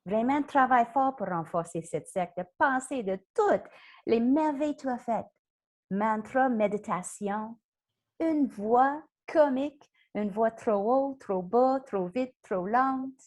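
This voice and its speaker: Slow calm lady, coaching breathing and mantras. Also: on the high side. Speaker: wellness coach. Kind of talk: guided mindfulness lesson.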